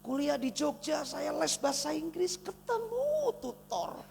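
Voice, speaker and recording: A man from Indonesia preaching a sermon as pastor, swinging between loud emphatic lines and soft, intimate asides. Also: very high voice, very animated, measured pace, vocal fry. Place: church hall. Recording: reverberant church hall, faint noise.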